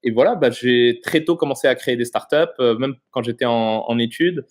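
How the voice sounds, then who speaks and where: A man in his thirties from Morocco, a guest in a casual interview, explaining things in a halting way with frequent pauses. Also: medium pitch.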